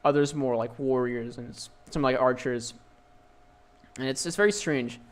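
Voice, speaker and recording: A man's voice: medium pitch, moderate pace. A young man running a tabletop game as dungeon master, narrating with many fillers and restarts.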